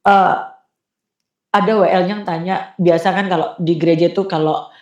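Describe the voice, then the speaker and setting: A woman giving an earnest personal faith testimony as a guest. She talks in an animated way and often repeats herself. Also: on the low side, normal speed, reverberant, lo-fi sound.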